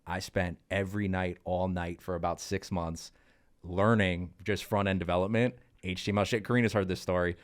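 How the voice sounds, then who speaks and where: A man in his mid-thirties with a fairly low voice spins career stories on a casual podcast into a studio mic. He sounds chatty and animated, speeding up in bursts and tossing in "uh" and "um" along the way. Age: 30s. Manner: lively, chatty, quick bursts with fillers. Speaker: podcast co-host. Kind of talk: casual storytelling in podcast chat.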